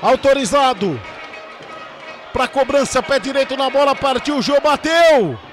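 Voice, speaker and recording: A Brazilian man calling football in an explosive, excited, dramatic play-by-play style, drawing out his goal shouts. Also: very high voice, measured pace, music in the background.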